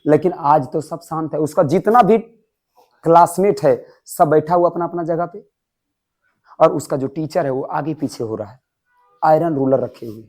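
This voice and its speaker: A man's voice: on the high side, normal speed, low-quality recording. A young man teaching a class, explaining an English story and asking students again and again if they follow. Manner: animated, quizzes students with repeated questions.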